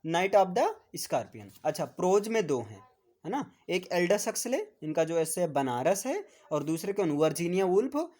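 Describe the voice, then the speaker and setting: A man's voice: sits high, big pitch swings, unhurried, a little mellow. Hindi-accented male teacher checking understanding. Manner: repeats "है ना?" to check students, spells words out. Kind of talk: classroom lecture.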